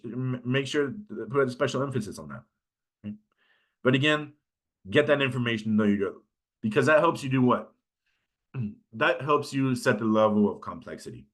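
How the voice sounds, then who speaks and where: With a medium-pitched, slightly bright voice and a Californian American accent, a man leads an informal workshop on pitching. He's from California and keeps the lecture conversational, often checking in with his listeners.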